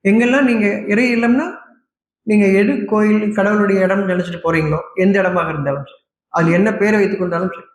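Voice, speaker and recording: A male preacher with a high-pitched voice delivers a sermon that scolds and questions his listeners. The sound is roomy and echoey, with a faint hum of ambient noise underneath. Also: a little fast.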